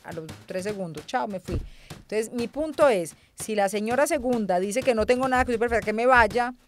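A woman, hosting a podcast and telling a story in lively, slangy casual chat. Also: fairly high pitch, brisk, faint music behind. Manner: animated storytelling with slangy asides. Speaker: podcast host.

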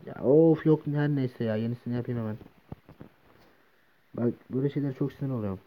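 Excitable gaming host, swears and shouts at the mobs, mid-pitched voice, slightly dull lo-fi mic. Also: male voice, a little fast. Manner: excitable, shouts and swears at the monsters attacking him; talks to the game mobs and to viewers as "gençler". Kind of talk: casual let's play commentary.

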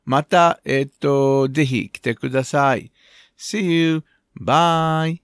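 A man's voice: medium pitch, slow pace, clean tone, no echo, studio quality. A man teaching English to children, spelling words letter by letter and mixing English with Japanese in a patient way. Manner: switches between English and Japanese.

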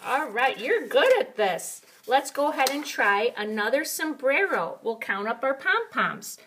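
Bright, animated woman kids show host. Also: sits high, a little slow, a little hiss or hum. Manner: encouraging, sing-song, talking directly to children with praise and questions. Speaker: children's counting teacher and host. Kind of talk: kids show host, teaching young children.

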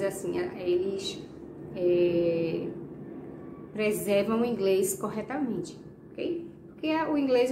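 Native Portuguese-speaking woman as a patient English teacher, drawn-out pace, roomy echo. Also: mid-range voice, background noise. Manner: slow, patient, repeats words and checks with "ok?". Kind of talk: recorded classroom lesson.

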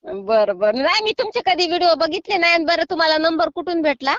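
A woman's voice: very high voice, lively intonation, fast talker, a bit bright, no room sound. A middle-aged woman on a phone call, scolding at first and then pleading and apologizing. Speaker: prank call target. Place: sitting in a field.

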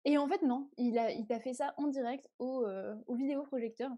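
A woman's voice: high-pitched, a little fast, mellow. A woman co-hosting a live stream, chatty and enthusiastic in a slangy, casual way. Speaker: co-host.

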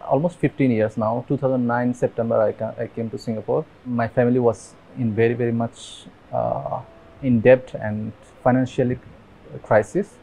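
A Bangladeshi man in his thirties, interviewed in a dim room on a lapel mic, telling his story earnestly with halting restarts. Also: mid-range voice, fairly even intonation, vocal fry, warm tone, rough recording. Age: 30s. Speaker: interviewee, migrant worker. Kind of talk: documentary interview. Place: dim indoor room with fans.

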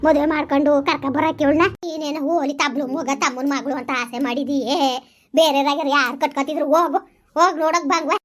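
A high-pitched woman rattles off village comedy dialogue at a brisk clip. Her talk is scolding and taunting, the banter of a household quarrel played for laughs. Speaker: village comedy skit performer. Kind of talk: rural comedy skit, bickering dialogue.

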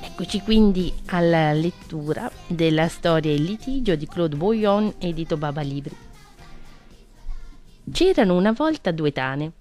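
A woman reading a children's picture book aloud on the radio, gentle and expressive. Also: lowish voice, a little slow, faint music behind. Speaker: children's story reader. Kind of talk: storybook reading.

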